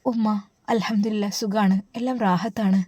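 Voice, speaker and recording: A woman voicing a soft-spoken young pregnant wife who answers in quiet, halting replies, as storybook dialogue. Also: medium pitch, steady tone, no room sound, close to an everyday voice. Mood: hesitant.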